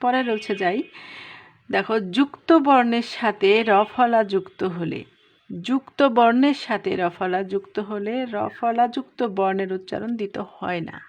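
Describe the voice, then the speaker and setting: A woman teaching a pronunciation lesson, explaining rules step by step and drawing out each example word slowly. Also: mid-range voice. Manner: patient, explains step by step, drawn-out example words. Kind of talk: spoken lesson.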